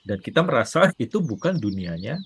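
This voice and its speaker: Against a noisy background, a parenting coach with a fairly low voice talks a little fast in a casual piece to camera. Animated throughout, he raises his voice to act out what quoted wives say.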